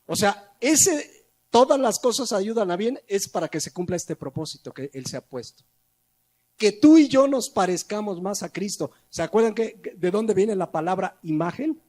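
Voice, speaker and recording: A man with a high voice preaches a sermon from the pulpit of a church. He poses rhetorical questions to the congregation and lets his voice sink low at the close of his phrases. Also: expressive, normal speed, darkish tone. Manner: preaching with rhetorical questions and sudden drops in volume. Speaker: pastor.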